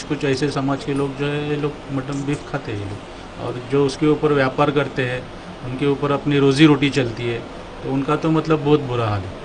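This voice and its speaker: A man who trades in beef answers interview questions in plain, halting speech and repeats himself. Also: medium pitch, background noise. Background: loud background ambience.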